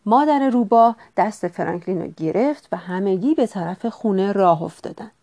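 A woman reading a children's storybook aloud with gentle, expressive narration. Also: medium pitch.

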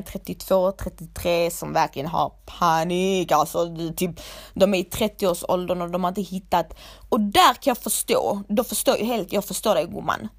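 A woman, giving casual, blunt advice straight to the listener, calling her "gumman" and swearing freely. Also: on the low side. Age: 20s. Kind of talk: casual advice talk to camera.

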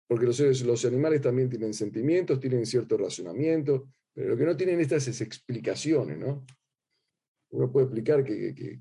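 A middle-aged rabbi with an Argentine accent gives a religious lecture in a sing-song, teacherly manner. His voice is very dark and somewhat husky. He often repeats a word or two while searching for the next phrase. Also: mid-range voice. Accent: Argentine Spanish.

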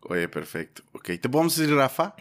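A man's voice: mid-range voice, very animated, a little fast. A man hosting a podcast interview in a casual, upbeat, joking way. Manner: upbeat, jokey, welcoming. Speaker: podcast host.

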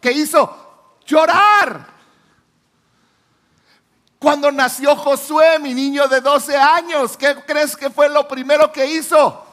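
A Mexican man in his forties preaching a sermon as a pastor, telling stories dramatically, swinging from loud declarations to hushed lows. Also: flat delivery, unhurried.

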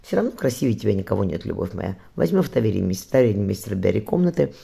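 A man reading a loving, restless sea captain who speaks softly and sometimes grumbles, in a spoken storybook. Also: lowish voice, very animated, racing, exaggerated voice. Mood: tender. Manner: soft and tender, sometimes gruff.

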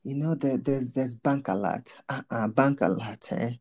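A male podcast co-host with a mellow, relaxed voice shaped by speech. He talks casually and slangily, with a playful, teasing streak. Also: medium pitch, a little slow. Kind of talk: casual chat.

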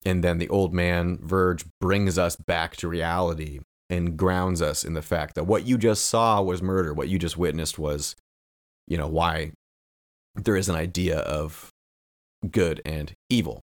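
A man's voice: deep voice, steady tone, measured pace. A man co-hosting a podcast, talking through a film in an earnest, thoughtful way and drawing out key phrases. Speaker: podcast co-host. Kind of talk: casual film discussion.

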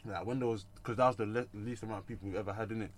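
A man's voice: fairly low pitch, fairly even intonation, very fast, slight background noise. A young man with a London roadman accent, chatting casually and telling anecdotes in heavy street slang with frequent 'innit' tags. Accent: London roadman, multicultural London English. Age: young adult. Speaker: student event promoter.

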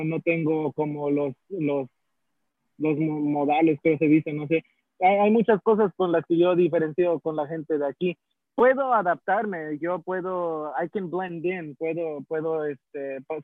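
The recording is dry, with no echo and a tinny, phone-like quality. A young man from the US with a fairly high-pitched voice chats casually as a guest, rambling and restarting often amid many fillers.

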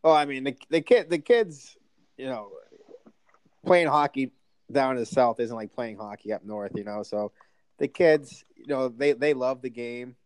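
A man's voice: medium pitch, normal speed, a little mellow, dry recording. A man who coaches youth hockey, chatting as a podcast guest in a rambling, joking way with lots of fillers. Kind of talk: casual podcast interview.

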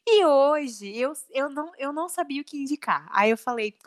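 A woman's voice: high-pitched, lively intonation, normal speed. A young adult woman in a casual chat, talking emotionally with lots of fillers.

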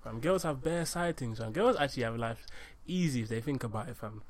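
A young man with a London accent speaks in casual banter with a friend. His voice sits at an average male pitch. He talks in heavy slang and tends to repeat his phrases. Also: expressive, fairly quick. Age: young adult. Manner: slangy, repetitive.

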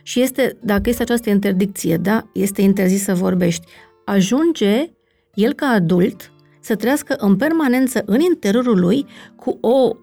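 A middle-aged woman talks in an unhurried, conversational way, pausing on fillers and checking with "right?" as she explains. Her voice is mellow and warm with a gravelly edge. Faint music sits underneath. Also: medium pitch. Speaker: family constellations facilitator, guest.

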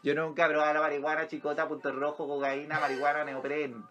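A hoarse, strained bus clown, as a man puts him on belts out his routine. The voice sits a bit high and has a tense, sharp edge, like cheap megaphone patter. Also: level tone, fast, highs cut off. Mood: hawking. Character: hoarse middle-aged male bus clown hawking jokes. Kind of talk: comedic impression in a podcast chat.

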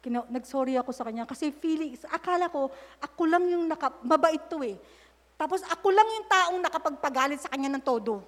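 A woman's voice: sits high, animated, a little fast, fairly bright tone. A middle-aged woman preaching a sermon, telling candid personal stories and breaking into prayer mid-sentence. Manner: candid storytelling mixing English and Tagalog, praying aloud mid-sentence. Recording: long hall reverb.

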